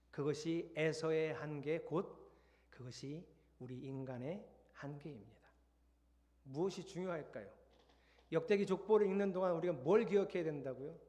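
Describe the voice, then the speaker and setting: A man's voice: fairly high pitch, darkish tone. A man preaching a Sunday sermon as pastor in a conversational style that builds to emphatic points. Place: church sanctuary. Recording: long hall reverb.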